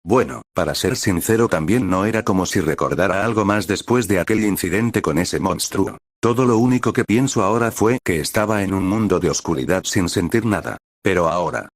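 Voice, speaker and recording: A man's voice: deep voice, brisk, few pauses, no room sound. A man reading a fan fiction story aloud in the first person, with emotional, dramatic storytelling.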